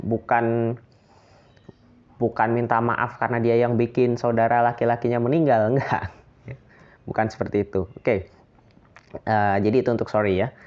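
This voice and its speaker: A man from Indonesia explaining English phrases in a relaxed, chatty lesson, with fillers and light laughs. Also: medium pitch, dull audio. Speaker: English teacher.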